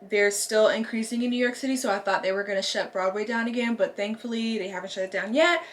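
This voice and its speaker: A young American lifestyle vlogger talks fast and informally to her audience in a mid-range voice, stretching out words for emphasis. There's a little hiss or hum in the recording.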